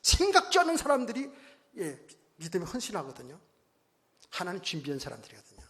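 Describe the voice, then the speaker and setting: In a church sanctuary with long hall reverb, a male pastor preaches a sermon, urging the congregation with rhetorical questions and calls for amen. His pitch swoops wildly and his pace is quick as he swings between loud bursts and quiet, low phrases.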